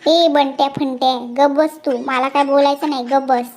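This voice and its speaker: A performer voicing a bossy, quarrelsome middle-aged aunt in a cartoon, scolding and sharp-tongued, with a high pitch-shifted voice. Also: female voice, steady tone, moderate pace.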